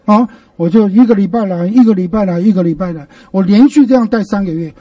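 A middle-aged man, preaching a sermon as a pastor and telling stories with lively rhetorical questions, recorded from a distant mic on a radio broadcast. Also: high voice, fast, no echo.

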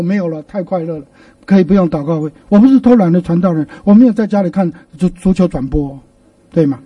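A middle-aged man, preaching a sermon as a pastor and telling stories with lively rhetorical questions, recorded from a distant mic on a radio broadcast. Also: high-pitched, no room sound.

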